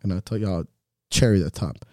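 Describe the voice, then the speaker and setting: A man's voice: deep voice, fairly quick, mellow, no echo, studio quality. A man hosting a podcast as a coach, talking in a frank, reflective way and swearing freely. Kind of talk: casual podcast chat.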